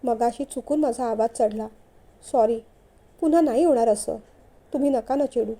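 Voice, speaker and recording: A woman's voice: on the high side, moderate pace, warm tone. A woman voicing a timid, tearful young wife who speaks hesitantly in a storybook reading.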